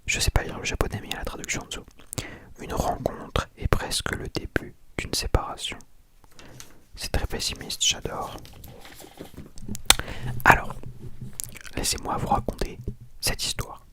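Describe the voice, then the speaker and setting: A person speaking in a hushed, breathy library whisper, telling and reviewing a book informally for ASMR. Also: normal speed. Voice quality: soft, breathy unvoiced whisper. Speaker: ASMR content creator.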